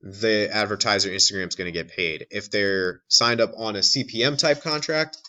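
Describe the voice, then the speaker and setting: A male instructor gives a recorded lecture and explains his points patiently, often restarting his sentences. His voice sits a little low and sounds bright and forceful. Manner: explanatory, many restarts and fillers.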